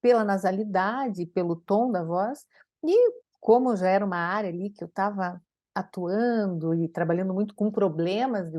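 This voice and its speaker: A woman speech therapist from Brazil telling stories from her career in an interview, lively and expressive. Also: dry recording, studio quality. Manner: animated, acts out quoted dialogue with big pitch jumps. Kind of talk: conversational interview storytelling.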